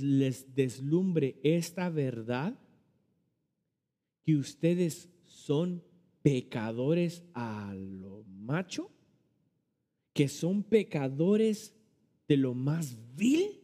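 Mellow-voiced male pastor preaching. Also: fairly high pitch. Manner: emphatic preaching, rising and dropping in loudness. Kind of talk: sermon. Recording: long reverb of a church hall.

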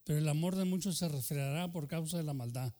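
Man, pastor, fervent bilingual sermon, high voice. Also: quick pace, warm tone. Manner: switches between Spanish and English mid-sentence; fervent preaching punctuated by "aleluya" and "hermano".

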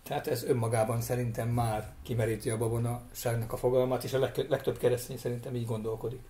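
A man's voice: mid-range voice, flat delivery, warm tone. A man taking part in a casual discussion, speaking hesitantly and searching for his words. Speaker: discussion participant.

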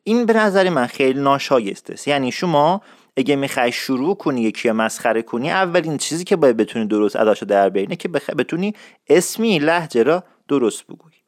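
A man's voice: medium pitch, lively intonation, dry recording, clean studio sound. A man hosting his own podcast, talking in a playful, mock-serious lecturing way. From Isfahan, Iran. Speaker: podcast host. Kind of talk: humorous podcast monologue.

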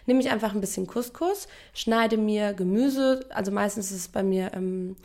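A young woman with a mid-pitched voice chats casually on a podcast, guiding listeners through recipes one step at a time. Her tone is playful and teasing, and she scatters English slang words through her sentences. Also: moderate pace, darkish tone. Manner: chatty, explains recipes step by step, addresses listeners directly. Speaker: podcast co-host.

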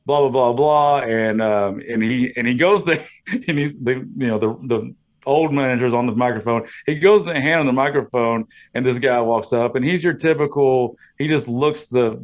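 A podcast co-host with a loud, powerful voice tells workplace stories in a rambling, jokey, profane way during casual comedic chat. He speaks at a moderate pace in a medium pitch, and the recording has its highs cut off.

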